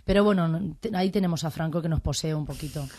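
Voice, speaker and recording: A hoarse actress, chatting and joking as a guest on a radio show. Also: female voice, low-pitched, quick pace, dark tone, no room sound, clean studio sound. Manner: chatty, joking, trails off and restarts. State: hoarse from pharyngitis. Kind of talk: casual radio chat.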